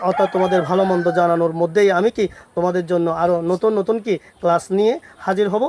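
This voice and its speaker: A man's voice: high voice, steady tone, a little hiss or hum. Teacher quizzing his class with rhetorical questions. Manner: asks the class rhetorical questions, then answers them; repeats each example word slowly. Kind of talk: Bengali grammar lesson for students.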